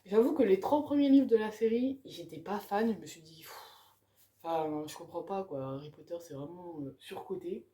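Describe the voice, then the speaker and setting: A woman's voice: lowish voice, moderate pace, warm tone. A woman chatting casually and enthusiastically about the books on her reading pile. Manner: chatty, enthusiastic, ends phrases with "quoi". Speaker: book vlogger.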